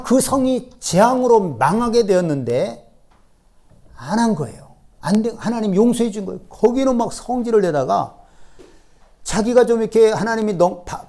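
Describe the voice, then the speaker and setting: A man preaching a sermon as pastor, telling the story lively and acting out the speakers, often turning to the congregation with short questions. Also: high-pitched. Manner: acts out biblical speech in raised voice.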